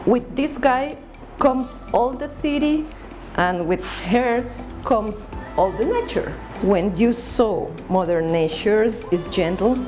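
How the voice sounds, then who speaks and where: A woman's voice: medium pitch, mellow, low-quality recording. A woman from El Salvador with a Salvadoran Spanish accent, an artist explaining her paintings in her studio, hesitant with frequent fillers and restarts.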